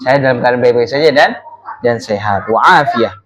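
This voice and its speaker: A man's voice: mid-range voice, moderate pace, noisy background. A man teaching an Arabic lesson to children, patient and coaxing, often repeating words and phrases for them.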